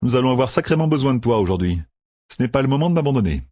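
A man's voice: mid-range voice, expressive, rapid-fire, dark tone, dry recording, pitched above the performer's own voice, close to an everyday voice. A man voicing a wry young male soldier who grumbles to himself in a muttering way.

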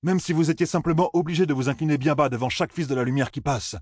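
A man reading an audiobook, voicing an earnest, forceful young village man who urges others with pleading, husky speech. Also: a little high, fast talker, no echo, clean studio sound, pitched above the performer's own voice, natural voice. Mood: urging. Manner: pleading, urgent persuasion.

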